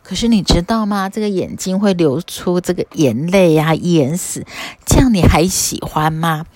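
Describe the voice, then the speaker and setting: A woman voicing a calm, patient male teacher who asks gentle questions. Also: lowish voice, normal speed, no room sound, lightly acted.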